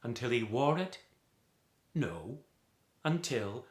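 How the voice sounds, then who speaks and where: Very animated and reverberant, this man's medium-pitched voice carries a folk tale told with theatrical flair. He works in a dramatic rhythm, lingering on the repeated phrases.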